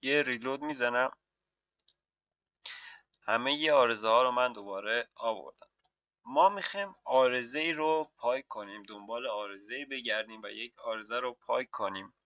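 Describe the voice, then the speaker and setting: A man teaching mapping software in a screen-recorded tutorial, walking through each step and answering his own questions. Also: mid-range voice, dry recording, highs cut off. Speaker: software instructor.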